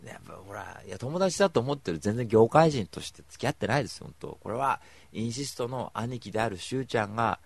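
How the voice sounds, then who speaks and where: A man hosting a radio show, telling rambling stories to listeners with emphatic, animated delivery on a studio mic. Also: mid-range voice, vocal fry, dry recording. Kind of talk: casual solo radio talk.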